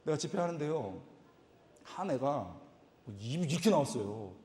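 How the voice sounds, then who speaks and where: A male pastor tells stories from the pulpit at a retreat service, voice climbing and dropping with lively expression. He slips into the voices of the people he describes and breaks into exclamations. The sound is roomy, with a long reverb tail from the hall. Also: on the high side, moderate pace, a little hiss or hum. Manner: animated, imitates people in his stories, exclaims. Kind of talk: lively storytelling sermon.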